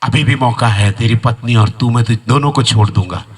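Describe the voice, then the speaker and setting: A man preaching in Hindi acts out a cruel male army commander who barks orders and shouts. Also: medium pitch, normal speed, slightly rough, far from the mic, voice pushed down, natural voice. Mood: taunting.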